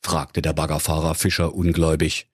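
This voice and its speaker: A man's voice: low-pitched, very animated, normal speed, husky, dry recording, clean studio sound. A man narrating a parody fairy tale in a mock-solemn storybook manner.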